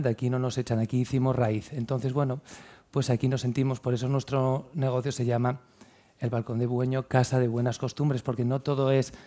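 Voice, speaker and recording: A man's voice: medium pitch, mellow. A restaurant owner in his forties from central Spain, speaking on a panel in a chatty, heartfelt way and often checking in with his listeners. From Castilla-La Mancha, Spain. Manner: chatty and heartfelt, keeps tagging questions onto his sentences. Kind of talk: panel talk.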